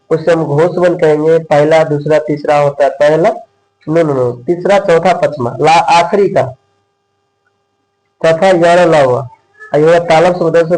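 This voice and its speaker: Repetitive, higher-voiced male grammar teacher. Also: darkish tone, poor audio. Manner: repeats points, quizzes students; calls students "my dear brother". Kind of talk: coaching class lecture.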